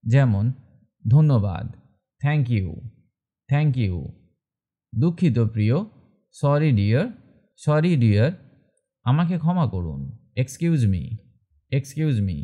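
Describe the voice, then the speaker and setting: A man teaching English, reading short phrases slowly and repeating each one twice. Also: mid-range voice, big pitch swings, mellow. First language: Bengali. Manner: slow, deliberate drilling of short phrases.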